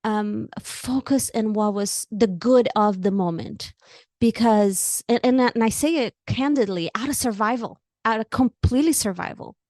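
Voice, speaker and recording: A woman from Brazil with a Brazilian Portuguese accent, a guest on an interview show who speaks earnestly and haltingly, often repeating words while she searches for them. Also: fairly high pitch, a little mellow, no echo, clean studio sound. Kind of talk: candid interview talk.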